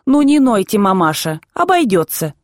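A woman's voice: mid-range voice, big pitch swings, darkish tone, no room sound, clean studio sound, lightly acted. A woman reading a bold, firm young mother with a commanding way of talking, in a storybook narration. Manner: commanding, brisk.

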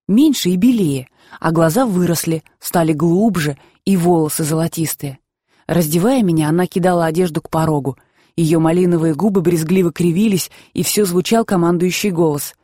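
Calm woman audiobook narrator. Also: lowish voice, dry recording, studio quality.

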